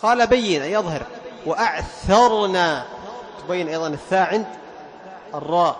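High-voiced man teaching recitation rules. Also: expressive. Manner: stretches out example words slowly to demonstrate sounds; quizzes students with questions and praises answers. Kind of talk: classroom lesson on recitation rules.

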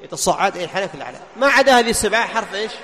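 A man teaching Quran recitation rules, asking his class questions, answering them himself and slowly chanting verses as examples. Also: sits high, expressive, fairly bright tone. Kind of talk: tajweed lesson explaining letter articulation. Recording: long hall reverb, faint background noise.

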